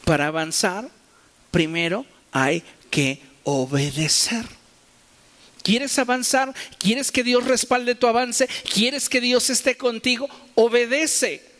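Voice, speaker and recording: High-voiced preacher man in echoing hall. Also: slow pace, fairly bright tone. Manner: emphatic preaching, rhetorical questions, acted-out dialogue. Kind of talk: sermon. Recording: long hall reverb.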